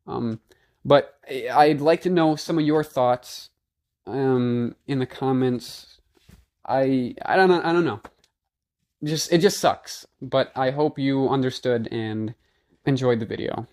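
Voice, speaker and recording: A man's voice: medium pitch, slow pace, a little mellow. A man recorded on a phone's built-in microphone, giving a fired-up, blunt off-the-cuff rant as a gaming video maker and repeating himself.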